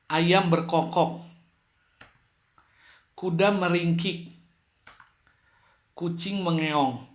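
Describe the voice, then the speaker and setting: A man teaching a school music lesson, explaining slowly and clearly, now and then acting out the sounds he describes. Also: on the high side, reverberant. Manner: slow, clear explaining with playful sound demonstrations.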